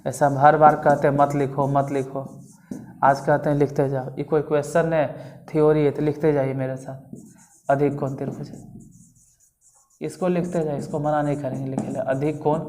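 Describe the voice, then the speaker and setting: A man teaching a maths class online in Bihari-accented Hindi, repeating definitions slowly for students to write down and quizzing them. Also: a little high, level tone, a little mellow.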